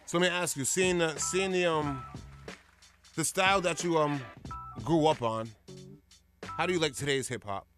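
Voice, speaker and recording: A man's voice: on the high side, normal speed, long pauses, a bit bright, faint music behind. A man hosting a casual hip hop interview, playful and full of hype. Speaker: host.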